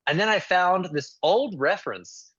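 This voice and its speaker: A man's voice: high voice, animated, measured pace, fairly bright tone, slightly rough, no room sound, lo-fi sound. A man who is a podcast guest, explaining his thoughts on a movie in a casual, thoughtful way.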